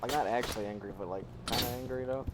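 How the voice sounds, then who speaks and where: A young man playing a video game with a friend, loud, laughing and swearing as he taunts. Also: medium pitch, steady tone, fast talker. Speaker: gamer recording a gameplay video. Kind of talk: excited gaming chat with a friend. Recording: noisy gaming mic.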